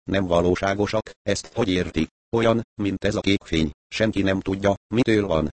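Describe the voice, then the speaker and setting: A man's voice: sits low, steady tone, no echo, close to an everyday voice. Man reading as an anxious female doctor. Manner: anxious, exclaiming questions. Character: nervous female doctor, frightened and fussy. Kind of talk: audiobook reading.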